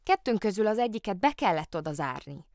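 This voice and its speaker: A cheeky, good-natured storybook bear who plays at being a policeman, put on by a woman reading aloud. His voice swings lively up and down as he talks his way out of trouble with innocent excuses. The studio sound is close and dry. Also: medium pitch, no room sound, voice pushed up. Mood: cheerfully innocent. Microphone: studio microphone.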